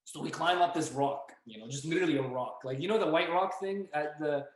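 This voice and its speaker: A young man telling a story as a podcast guest, casual and animated, acting out the voices of the people in it. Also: on the high side, brisk. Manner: animated, acts out dialogue and yelling. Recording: echoey room.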